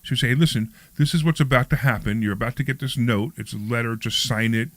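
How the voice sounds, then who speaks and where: A man's voice: medium pitch, quick pace, no echo. A man in his sixties hosting a radio talk show, chatting casually, rambling with frequent restarts. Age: 60s.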